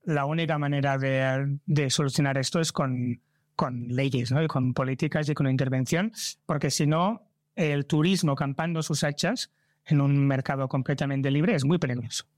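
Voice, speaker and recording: A travel content creator and trip organizer from Barcelona, Spain, answers interview questions about travel earnestly in a Spanish accent. His mid-range voice is steady and at normal speed, recorded with studio quality and no echo.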